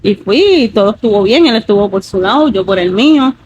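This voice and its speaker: A woman's voice: mid-range voice, animated, a little fast, darkish tone, muffled recording, slight background noise. A woman, telling a personal testimony earnestly and leaning on fillers like "pues" and "¿verdad?". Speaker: guest giving a testimony.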